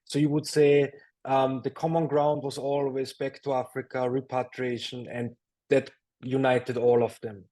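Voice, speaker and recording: A man's voice: medium pitch, level tone, a little slow, mellow. A man interviewing in Rastafari speech, choosing his words with care and many hesitations. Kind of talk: interview questioning.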